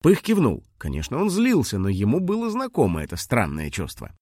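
Man, children's audiobook narrator, expressive swooping delivery, husky tone, dry close recording. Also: mid-range voice, fairly quick, no room sound. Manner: expressive, lively storytelling.

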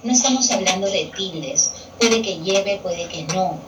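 A woman's voice: medium pitch, lively intonation, unhurried, far from the mic. Woman teacher explaining grammar from afar. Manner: patient, repeats key terms for students. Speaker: Spanish language teacher. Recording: echoey room picked up from afar with television noise.

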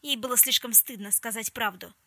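Cruel, bitter young man, woman reading, hisses threats, bright and dry. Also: fairly high pitch, a little fast, no echo. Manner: menacing, hissing, bitter.

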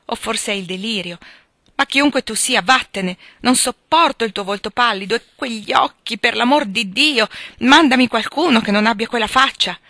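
Woman voicing a delirious sick man, agitated, pleading, bright tense voice. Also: mid-range voice, moderate pace, dry recording, studio quality. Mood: delirious, frightened.

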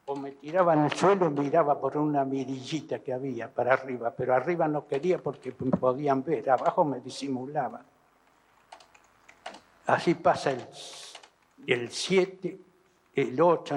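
A man with an Argentine Spanish accent giving halting testimony, repeating and restarting as he retells events, in an archive recording. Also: medium pitch, slight background noise. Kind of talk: recounting testimony. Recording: archive recording in an echoey hall.

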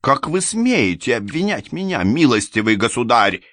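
A man's voice: sing-song, measured pace, sharp tone, no room sound, clean studio sound, exaggerated voice. A man doing a sneering haughty noblewoman. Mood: shouting. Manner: sneering, shrill outbursts. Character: scornful noblewoman landowner, haughty and defiant.

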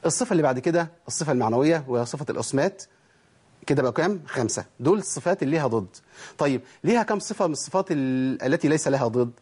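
A man with an Egyptian accent teaching a tajweed lesson, quizzing his listeners with quick rhetorical questions. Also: a little high, animated, a little mellow, slightly rough. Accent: Egyptian Arabic. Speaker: Quran recitation teacher.

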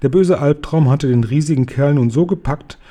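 A man reading a children's storybook aloud, slowly and expressively. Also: fairly high pitch. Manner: slow, careful, expressive. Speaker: reader.

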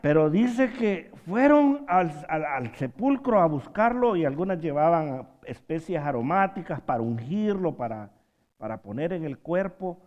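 A man preaches a sermon in a slightly high, sing-song, somewhat mellow voice, speaking a little slowly, with the highs cut off in the audio. He poses rhetorical questions to the congregation, often tagged with "¿verdad?", and drops in humorous asides.

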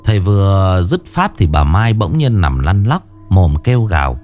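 A man narrating a horror story in a lively, expressive reading. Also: low-pitched, moderate pace, faint music behind.

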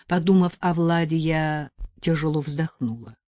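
A woman narrating a first-person story in an even, steady way. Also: low voice, a little slow, no room sound, clean studio sound. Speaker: audiobook narrator.

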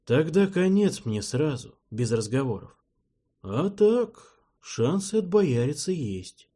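A man's voice: a little high, big pitch swings, takes it slowly, warm tone, husky, pitched above the performer's own voice, exaggerated voice. A man voicing an older male criminal boss who talks in shrewd, cocky street slang in an audiobook. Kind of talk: audiobook character voice.

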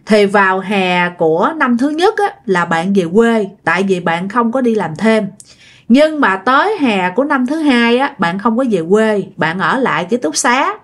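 A woman telling a ghost story in a chatty, animated way, speaking directly to her listeners. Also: mid-range voice, a little slow. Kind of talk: casual ghost story narration.

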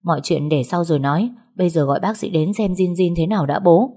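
A woman reading a story voices a smooth, falsely friendly young man who schemes against his family. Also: fairly low pitch, quick pace, warm tone. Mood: insinuating.

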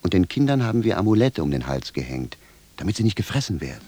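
An actor playing a blunt, bewildered peasant shoemaker in a 1970s radio drama, gruff and indignant. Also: male voice, low-pitched, very animated, fast, mellow, dry recording. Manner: gruff, plain-spoken, indignant.

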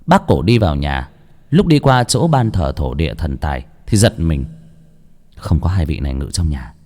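A man narrating a ghost story in a dramatic, animated way. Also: rumbling low, normal speed, in a large hall.

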